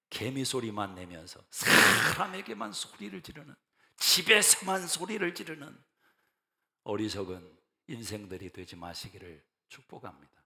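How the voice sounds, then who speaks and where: Male pastor, emphatic sermon delivery with punchy repeated lines, bright and forceful, in a reverberant sanctuary. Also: medium pitch, gravelly. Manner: emphatic preaching that builds to loud declarations; repeats key phrases for emphasis. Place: church sanctuary.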